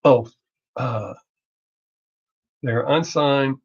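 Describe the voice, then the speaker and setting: A middle-aged male reaction video creator streams live with blunt, rambling, off-the-cuff chat, joking and cursing now and then. He has a mid-pitched voice with a breathy edge and a Southern drawl he masks by talking fast. The lo-fi audio is dull and slightly muffled.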